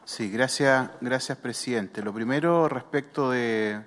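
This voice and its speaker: Chilean official walking through regulations, lots of ehs, roomy hall sound. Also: male voice, mid-range voice, heavy background noise. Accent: Chilean Spanish. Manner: measured, frequent hesitations. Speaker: health superintendent. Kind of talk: official technical explanation. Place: senate committee room. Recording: long reverb in a hall.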